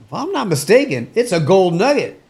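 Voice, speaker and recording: An actor playing a kindly, plain-spoken country rancher in a family drama, talking in a folksy old-prospector way. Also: male voice, sits high, very animated, fairly quick, vocal fry, darkish tone, breathy edge, heavily acted. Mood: folksy wonder. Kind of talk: acted family film dialogue.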